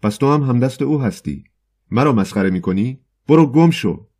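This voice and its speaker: A man voicing an enraged young male poet who shouts accusations in a storybook reading. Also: mid-range voice, lively intonation, voice pushed up, lightly acted. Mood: furious.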